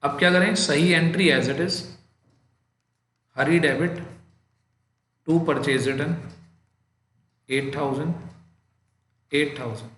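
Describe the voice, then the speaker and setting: Male Indian tutor, patient step-by-step lecture delivery with slow dictation, in a reverberant room. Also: a little high, a bit bright. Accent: Indian English mixed with Hindi. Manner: explains step by step, addresses students as "beta", slows down to dictate entries. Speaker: accountancy teacher. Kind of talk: classroom lecture.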